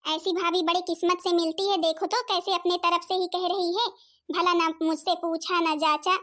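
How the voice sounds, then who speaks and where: Cartoon saas, bossy and nagging, very high voice. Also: female voice, flat delivery, moderate pace, fairly bright tone. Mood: pleased. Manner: nagging, scolding. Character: scolding, stingy older mother-in-law who favours grandson. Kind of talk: cartoon comedy voice acting.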